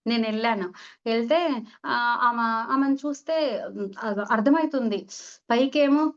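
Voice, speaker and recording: Higher-voiced woman giving a spiritual talk. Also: moderate pace. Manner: conversational, acts out little dialogues. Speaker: meditation teacher. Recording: dull lo-fi recording.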